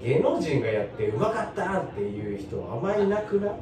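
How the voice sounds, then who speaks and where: Man, slightly high voice, very echoey room, casual football commentary, excitable host, distant from the mic. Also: a little fast, a little hiss or hum. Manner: excitable, exclaiming at plays. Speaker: host of a football fan channel. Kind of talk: casual match-watching commentary and chat. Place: small indoor room with padded bench seating. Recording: echoey small room, far from mic, faint music.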